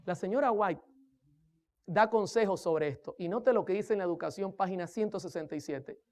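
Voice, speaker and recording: A woman's voice: mid-range voice, moderate pace, a little mellow. A woman giving a sermon-style lesson on rhythm and music, speaking emphatically, asking the listeners questions and counting beats aloud. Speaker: music teacher preaching.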